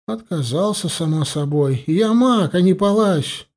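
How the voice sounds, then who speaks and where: A man's voice: high voice, animated, a little slow, darkish tone, voice pushed up. A man reading an audiobook, voicing a frightened, whiny male mage who pleads and cries out. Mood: plaintive. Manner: pleading, plaintive outbursts.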